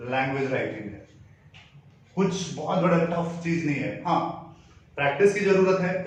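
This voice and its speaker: A male teacher walks through grammar step by step, spelling words out letter by letter. His voice sits a little high, heard from a distance in a very echoey room with a faint hum of ambience behind. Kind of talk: classroom-style grammar lesson. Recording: very echoey room, voice from far off the mic.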